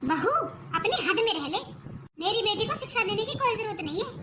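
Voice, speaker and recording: Cartoon mother-in-law, older, taunting and bossy, voiced by a woman; very high voice, noisy track. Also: lively intonation, brisk. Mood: scolding. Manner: scolding, taunting. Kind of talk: cartoon voice acting. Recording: noisy recording.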